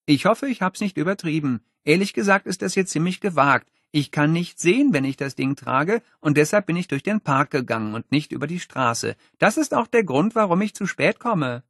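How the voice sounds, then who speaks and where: A man's voice: on the high side, lively intonation, moderate pace, hardly any pauses, fairly bright tone, no echo, clean studio sound, voice pushed up. A man voicing an earnest, polite, over-eager schoolboy in an audiobook, with a formal way of talking.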